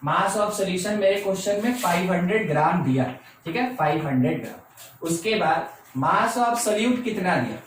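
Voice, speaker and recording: A man teaching a chemistry lesson in Hindi, slowly dictating definitions with English terms and repeating each phrase, often checking in with his students. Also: high-pitched, a bit bright. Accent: Indian English words in Hindi speech. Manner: frequent check-ins to students. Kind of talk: online class lecture. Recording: very echoey, distant mic, faint noise.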